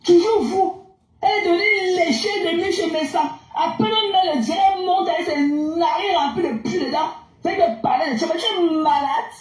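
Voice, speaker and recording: A woman's voice: very high voice, normal speed, roomy sound, poor audio. A woman in a heated online argument, scornful and insulting toward her opponent. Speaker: live stream participant.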